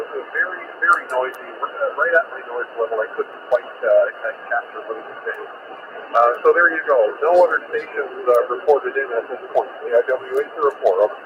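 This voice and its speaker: A man calling stations on a radio net, heard through a shortwave radio receiver, talking haltingly with many hesitations. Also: medium pitch. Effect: voice received over a shortwave radio. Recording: muffled, noisy shortwave radio audio.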